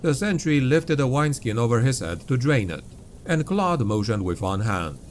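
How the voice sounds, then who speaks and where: A man reading grimdark fantasy as an audiobook narrator, with grave, dark, dramatic storytelling. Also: mid-range voice, lively intonation, moderate pace, a little hiss or hum. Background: music.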